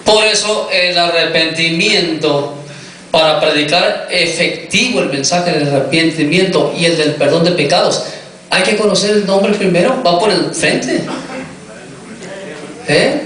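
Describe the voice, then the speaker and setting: A man's voice: on the high side, a little slow, fairly bright tone, slight background noise. A male pastor preaching a sermon, often asking his congregation questions as he goes. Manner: questions the congregation, repeats "me entiendes". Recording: echoey hall, distant mic.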